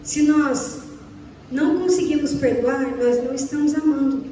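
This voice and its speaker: Young brazilian woman preaching, mellow high voice, big echoey church hall, mic far off. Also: moderate pace, slight background noise. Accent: Brazilian Portuguese. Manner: asks the listeners repeated questions, acts out little dialogues. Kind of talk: sermon.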